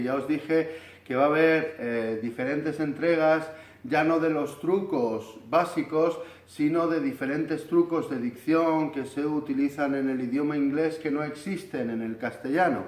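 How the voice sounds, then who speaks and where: Slow-talking Spanish man teaching. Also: on the high side. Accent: Spanish from Spain. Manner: slow, deliberate, stretches vowels to demonstrate. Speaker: English pronunciation teacher. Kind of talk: explanatory video lesson. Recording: echoey room.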